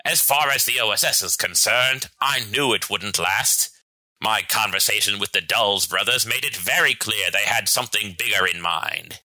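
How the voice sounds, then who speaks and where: A man playing a scheming, vain president in a satirical sketch, speaking with slow, pompous, theatrical villain menace. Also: fairly low pitch, bright, forceful tone, no room sound, poor audio. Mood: smug menace. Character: scheming, vain, power-hungry male American president as villain. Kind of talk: scripted satirical sketch acting.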